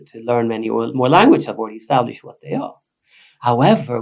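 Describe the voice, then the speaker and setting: Gravelly man, animated. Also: mid-range voice. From Sweden. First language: Swedish. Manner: animated, explanatory, emphatic. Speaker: guest psychotherapist. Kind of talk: conversational podcast interview.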